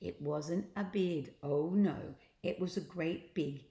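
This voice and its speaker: Her voice is lowish and warm, and she reads slowly in a reverberant space. This woman performs a children's story with theatrical flair, acting out sounds and tossing little asides to her listeners.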